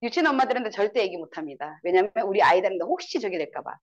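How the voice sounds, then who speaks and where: A woman's voice: very fast, highs cut off. A woman in her thirties telling stories in a seminar talk, acting out the friends she quotes. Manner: lively, acts out quoted friends in higher voice. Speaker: network marketing speaker.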